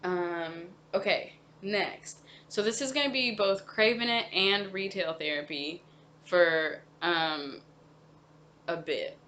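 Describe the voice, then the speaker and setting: A young woman with a somewhat low voice talks casually about her stitching projects. She rambles, stops to correct herself and fills the pauses with ums. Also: bright, forceful tone, slight background noise. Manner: chatty, rambling, many ums and self-corrections. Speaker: cross-stitch vlogger. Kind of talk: casual chat.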